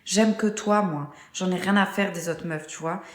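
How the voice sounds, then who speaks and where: A woman's voice: lowish voice, normal speed, echoey room, close to an everyday voice. A woman's text-to-speech voice playing a blunt, slangy, evasive young boyfriend in a scripted story. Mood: cajoling.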